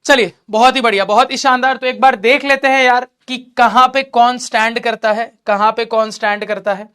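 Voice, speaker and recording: A man's voice: very high voice, fairly even intonation, normal speed, sharp tone, clean tone. A man teaching math in an online class, encouraging his students and repeating key points while talking to them directly.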